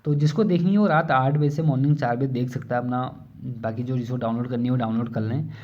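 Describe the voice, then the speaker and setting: A man's voice: mid-range voice, steady tone, brisk. Man teaching a casual exam-prep lesson. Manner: explains with many fillers and repeated questions. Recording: slightly dull lo-fi recording.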